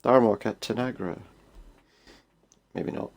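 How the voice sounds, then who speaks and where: A man's voice: mid-range voice, takes it slowly, vocal fry, a little mellow. A man hosting a game playthrough, musing wryly in casual commentary and reading game text aloud. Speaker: gaming video host.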